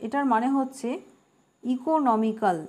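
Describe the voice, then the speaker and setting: A woman's voice: fairly high pitch, moderate pace, darkish tone. A woman teaching an exam-prep grammar lesson, explaining words patiently, repeating them and spelling them out letter by letter. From West Bengal.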